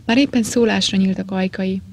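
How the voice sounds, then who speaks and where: A woman reads a novel aloud at a measured, steady pace. Her voice has a gravelly fry and a husky edge. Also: medium pitch. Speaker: audiobook narrator. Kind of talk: scripted audiobook narration.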